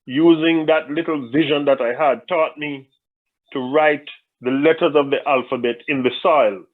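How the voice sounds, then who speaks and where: A man's voice: on the high side, steady tone, moderate pace. Man over a tinny phone line. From Jamaica. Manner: thoughtful, with frequent restarts and repeated words. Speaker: interview guest. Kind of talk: conversational interview answers.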